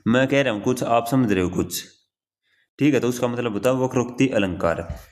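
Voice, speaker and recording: A man's voice: mid-range voice, normal speed, darkish tone. A young man teaching an exam-prep grammar lesson in a casual, repetitive way, often repeating key phrases and calling the listener brother.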